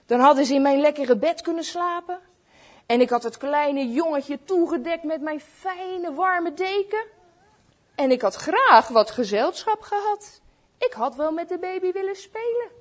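A woman's voice: high voice, expressive, unhurried, pitched above the performer's own voice. A woman voicing a kindly, lonely old male shoemaker in a storybook, sighing and mumbling. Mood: wistful.

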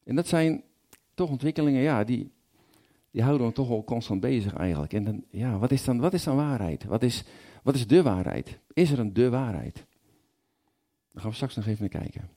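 A man's voice: mid-range voice, expressive, moderate pace, dark tone. A man giving a conversational sermon, informal and thinking aloud, often repeating words as he goes. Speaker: preacher.

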